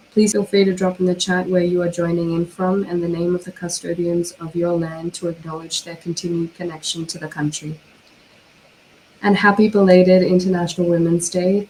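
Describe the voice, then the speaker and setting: An Australian cyber criminologist on a panel gives a formal, prepared online presentation by video call, her voice hoarse and worn down by a cold. She speaks in a low, flat pitch, measured and formal with occasional fillers. The low-quality recording has a faint hiss underneath.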